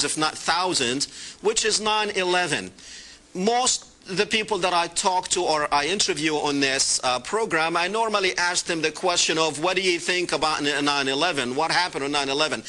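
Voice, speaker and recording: Male TV host, middle-aged, a bit high and bright, halting and full of fillers. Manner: halting, many filler sounds. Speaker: talk show host. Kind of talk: call-in TV interview.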